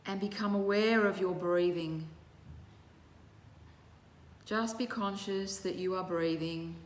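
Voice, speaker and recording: With a steady, lowish tone, a woman guides a yoga nidra meditation, calm and in no hurry at all. Long silences fall between her brief, soothing phrases, and the room's echo carries a faint background noise.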